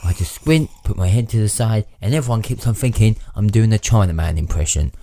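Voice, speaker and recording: A man hosts an improvised comedy podcast with a fairly low voice. He rambles in a mock-serious tone and often breaks into laughter. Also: animated, brisk, creaky, warm tone, a little hiss or hum. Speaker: podcast host.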